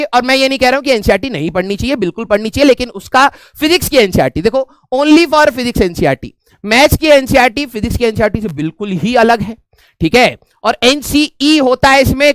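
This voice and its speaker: A man's voice: very high voice, fairly bright tone, clear, resonant tone, dry recording. A man with an Indian accent teaching an online physics class in mixed Hindi and English. He jokes with the students and keeps checking in with them. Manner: chatty and joking, checks in with students often.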